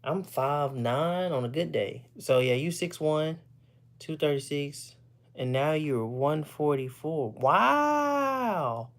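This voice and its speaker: A man from Texas chatting casually with viewers. He is short of breath, rambles loosely, often clears his throat, and pauses to catch his breath. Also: a little high, darkish tone. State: short of breath, stops for air. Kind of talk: casual chat.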